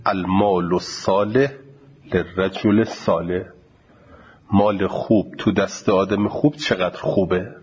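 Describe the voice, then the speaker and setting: A man lectures on grammar in a slightly husky, lowish voice. He reads passages slowly, then switches to quick, casual explanation. The recording sounds dull and lo-fi. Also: darkish tone. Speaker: teacher. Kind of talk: classroom lecture on Arabic grammar and Quran recitation.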